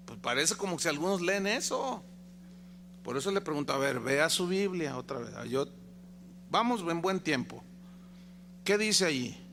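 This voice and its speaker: A man's voice: on the high side, expressive, unhurried, long pauses, a bit bright, a little hiss or hum. A male pastor with a Mexican accent preaching a sermon, emphatic and full of rhetorical questions to the congregation. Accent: Mexican Spanish.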